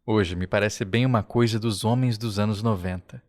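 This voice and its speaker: A man with a Brazilian Portuguese accent, narrating a documentary podcast in a slow, reflective way. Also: fairly low pitch, fairly even intonation. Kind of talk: scripted narration. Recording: faint music underneath.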